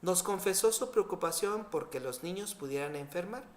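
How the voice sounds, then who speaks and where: A man with a Mexican Spanish accent, explaining spelling rules in a clear, deliberate scripted lesson. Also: sits high, lively intonation, reverberant. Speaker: spelling teacher.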